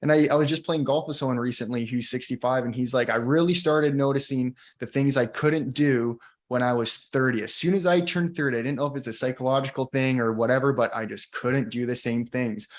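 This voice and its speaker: A man in his thirties co-hosting a relaxed conversation. He talks in an easy, chatty way, with quick laughs and plenty of likes. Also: medium pitch. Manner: animated, chatty, laughs easily. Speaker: co-host. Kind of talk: casual conversation.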